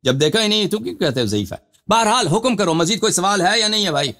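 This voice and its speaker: High-pitched guy hosting a call-in show, keeps hammering the same question at the caller. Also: big pitch swings, a bit bright. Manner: insistent, presses the same question again and again. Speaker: religious scholar hosting a live call-in show. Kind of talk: heated debate with a caller.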